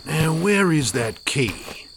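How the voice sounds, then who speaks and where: A man's voice: on the high side, big pitch swings, slow pace, background noise, full character voice. An actor playing a brash, cheerful Australian bushman guide with a slangy, matter-of-fact way of talking. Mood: breezy.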